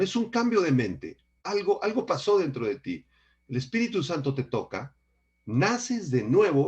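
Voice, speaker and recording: A man's voice: medium pitch, darkish tone. Man, pastor giving a Bible lesson, emphatic, repeats for emphasis. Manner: emphatic, repeats key words, addresses listeners as brothers. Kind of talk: Bible study teaching.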